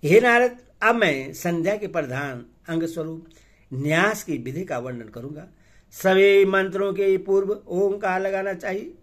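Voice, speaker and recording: A man reading devotional scripture aloud and intoning ritual mantras in a measured way, with frequent hesitant fillers between phrases. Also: a little high. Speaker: scripture reader.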